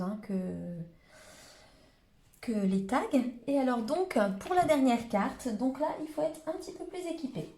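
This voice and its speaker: A woman's voice: fairly high pitch, dark tone. A woman with a Hauts-de-France accent, chatting her way through a live crafting demonstration and narrating each step as she works. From Hauts-de-France, northern France. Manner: chatty, narrates her hands-on steps with frequent "hop" and "voilà". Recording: roomy echo.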